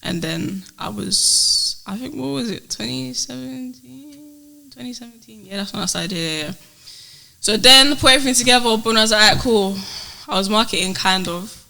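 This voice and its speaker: A young woman chatting as a podcast guest, her voice bright and sharp with a gravelly fry underneath. She tells her story loosely, full of slang and easy fillers. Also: fairly high pitch, normal speed. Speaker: podcast guest, food business owner. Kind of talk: casual podcast chat.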